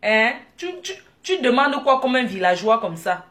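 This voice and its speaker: Woman vlogger, higher-pitched voice, lively laughing storyteller with excited outbursts. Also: moderate pace. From Africa. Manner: animated, laughing, bursts into excited exclamations. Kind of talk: casual vlog storytelling.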